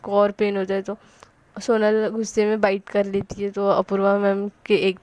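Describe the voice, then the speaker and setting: A woman's voice: medium pitch, completely flat delivery, normal speed, darkish tone. A woman casually retelling a love story, chatting along and voicing the quoted lines as she goes. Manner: chatty, narrates with quoted dialogue and fillers.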